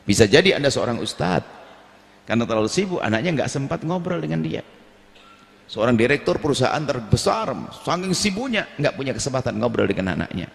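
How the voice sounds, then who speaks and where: A man preaching a sermon on family life, animated, now and then acting out quarrelling relatives in a raised voice. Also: brisk, vocal fry. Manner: animated, acts out quarrelling family members in a high voice. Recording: long hall reverb.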